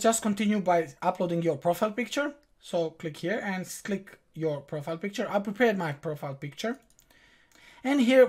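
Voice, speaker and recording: A young man, Croatian by first language, hosts an online screen-recorded tutorial in a high-pitched voice. He walks viewers directly and instructively through every click from a desk in a small room.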